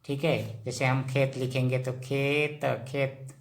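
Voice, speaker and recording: A man gives a slow, patient language lesson. He drills syllables one at a time, drawing each out, and his voice sits at an ordinary middle pitch. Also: flat delivery. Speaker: teacher.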